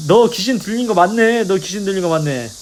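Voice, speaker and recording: A man voicing a crowd of angry men who scold and shout accusations during a Bible talk. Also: a little high, slight background noise, lightly acted, rough recording.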